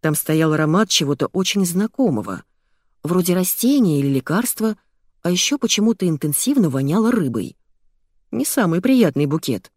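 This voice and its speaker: A woman's voice: fairly low pitch, big pitch swings, moderate pace, a little mellow, dry recording, studio quality. A woman reading first-person narration in an audiobook with a wry, conversational manner.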